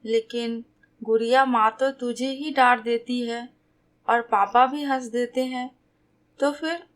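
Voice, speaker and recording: Brief: a woman doing a fond big brother, calm, reassuring, slow and fairly high. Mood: affectionate. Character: caring older brother, calm and affectionate.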